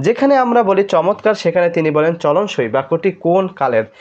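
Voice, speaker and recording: A Bangladeshi Bengali tutor with a notably high voice works through exam questions step by step, stopping often to ask "right?" before moving on. The recording sounds dull and lo-fi, with a muffled top end. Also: male voice, lively intonation, fast talker, a little mellow. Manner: explanatory, asks rhetorical questions and checks with "right?". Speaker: admission test tutor. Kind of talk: exam solution lesson.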